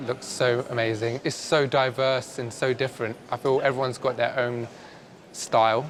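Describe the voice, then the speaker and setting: A man's voice: mid-range voice, level tone, normal speed. Modest young-sounding male artist. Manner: thoughtful and modest. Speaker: contestant artist. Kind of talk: interview.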